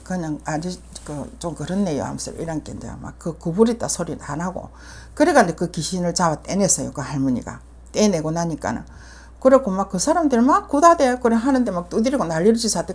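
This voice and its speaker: Older gyeongsang lady telling a story, low voice, rises and falls a lot, lots of fillers. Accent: Gyeongsang Korean. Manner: vivid retelling with many fillers, acting out others' words. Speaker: shaman telling her story. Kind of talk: casual storytelling.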